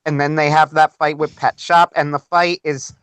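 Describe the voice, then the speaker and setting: A man co-hosting a casual livestream chat, giving quick, enthusiastic opinions. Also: on the high side, level tone, a bit bright, smooth, no room sound. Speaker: podcast co-host.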